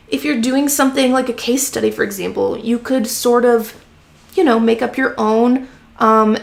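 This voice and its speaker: A woman hosting a casual live-stream Q&A, chatty and encouraging with lots of fillers, her voice going a bit hoarse from talking. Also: fairly high pitch. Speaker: host of a freelance writing live stream. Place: home office.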